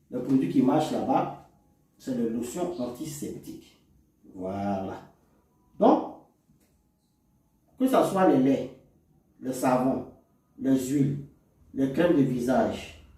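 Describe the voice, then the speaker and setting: A cosmetics chemist and instructor with an African French accent explains products in an informal, didactic lesson, delivering his points emphatically. His voice is mid-range and mellow. The room is echoey and the microphone sits at a distance.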